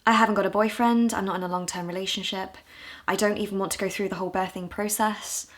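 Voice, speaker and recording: Twenty-something british woman vlogging, chatty and self-deprecating, bit hoarse, mid-pitched. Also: steady tone, fast talker. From United Kingdom. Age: 20s. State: hoarse, low on voice. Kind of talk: casual talking-head vlog.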